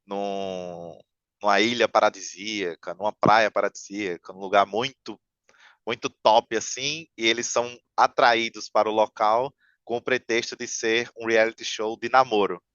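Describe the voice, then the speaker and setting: A man's voice: fairly low pitch, fairly even intonation, normal speed, fairly bright tone, no echo. A man telling a long story in casual podcast chat, rambling with many fillers and restarts. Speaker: podcast guest. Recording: muffled, lo-fi mic sound.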